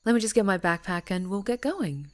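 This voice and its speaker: For an ASMR roleplay, a woman takes on the role of a friendly, easygoing camper on a woodland retreat, chatting and teasing with an unheard listener. Her mid-range voice is animated and a little fast, close to her everyday voice, and the mood stays friendly and teasing.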